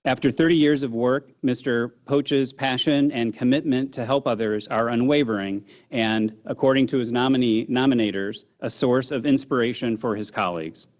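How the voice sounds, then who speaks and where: A man reads prepared award citations in a formal, measured manner. His pitch sits in an ordinary middle range for a man. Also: a little mellow, lo-fi sound. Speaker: awards presenter.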